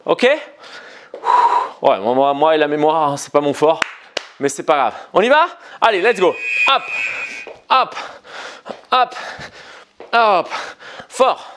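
A man's voice: on the high side, animated, takes it slowly, long pauses, fairly bright tone, a little hiss or hum. A man coaching a home workout class, encouraging the viewer and counting out reps. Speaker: fitness coach. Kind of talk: guided home workout instruction.

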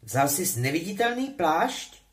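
A jealous teenage boy wizard full of forced, mocking sarcasm, as a woman reads him aloud. He sounds lowish but animated, his pitch jumping about. It is a storybook character from an expressive reading. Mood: sarcastic.

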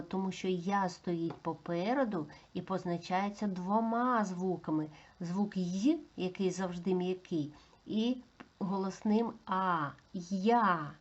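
Slow, patient woman teaching phonics. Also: mid-range voice, darkish tone, lo-fi sound. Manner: patient, sounds out letters and sings vowels. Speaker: preschool teacher. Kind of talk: slow, deliberate phonics lesson for small children.

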